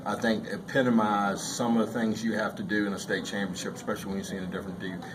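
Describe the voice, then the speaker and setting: A man with a very low voice works as a sports broadcaster in a postgame interview. His questions are conversational and come out in deliberate pieces. Clear noise runs behind him. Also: level tone.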